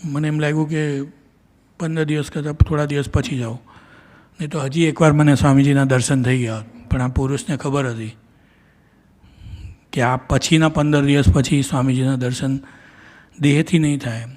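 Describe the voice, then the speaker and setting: A man's voice: mid-range voice, steady tone, normal speed, long pauses, a little mellow. A middle-aged man, telling a devotional gathering about his personal memories, acting out quoted dialogue and often restarting his sentences. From India. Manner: earnest storytelling with quoted dialogue and frequent restarts. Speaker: devotee giving a talk. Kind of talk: personal spiritual testimony.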